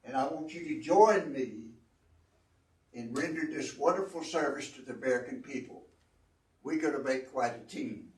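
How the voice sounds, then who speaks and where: A man's voice: mid-range voice, normal speed. Older guy, retired businessman, folksy and earnest, mic a ways off in an echoey hall. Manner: folksy, earnest, repeats phrases for emphasis. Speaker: guest speaker, entrepreneur. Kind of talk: informal talk to a student audience. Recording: roomy echo, distant mic.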